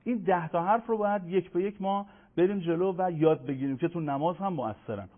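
Patient male Quran tutor, slightly high voice, formal and courteous, tinny phone-like sound. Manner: patient, formal, addresses viewers politely; slows to chant Arabic verses. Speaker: Quran recitation teacher. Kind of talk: televised pronunciation lesson.

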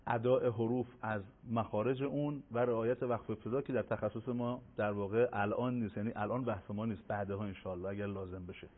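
A man's voice: fairly low pitch, fairly even intonation. Man teaching on a tinny line. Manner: patient, explanatory, repeats letter sounds slowly. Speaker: Quran recitation teacher. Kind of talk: broadcast lesson.

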